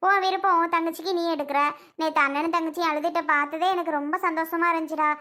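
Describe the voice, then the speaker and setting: A woman's voice: very high voice, steady tone, fast talker, bright, forceful tone. A woman playing a middle-aged mother who firmly lectures her son in a family skit. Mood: lecturing. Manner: firm, lecturing.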